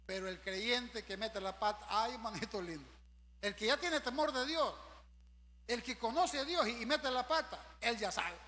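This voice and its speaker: A male pastor preaching an emphatic evangelical sermon, swinging between loud swells and low asides to the congregation. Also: moderate pace. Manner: addresses the congregation often as brother. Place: church sanctuary. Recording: reverberant church hall, faint hum.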